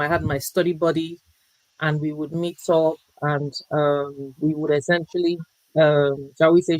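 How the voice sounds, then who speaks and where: Measured woman guest, dry sound. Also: low-pitched, darkish tone, dry recording, poor audio. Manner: reflective, measured, with frequent pauses. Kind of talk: interview conversation.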